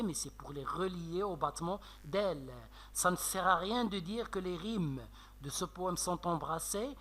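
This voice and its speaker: Man, literature teacher, Moroccan French accent, slow and deliberate, bright tone, lots of "euh". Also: fairly high pitch. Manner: slow, explanatory, frequent "euh" and "d'accord?". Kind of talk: classroom lecture on poetry analysis.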